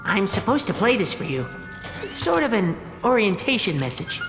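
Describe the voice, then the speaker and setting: A woman playing a gentle, earnest guide and guardian in a video game, speaking expressively. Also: mid-range voice, very animated, moderate pace. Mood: warm, earnest. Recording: echoey hall with loud music.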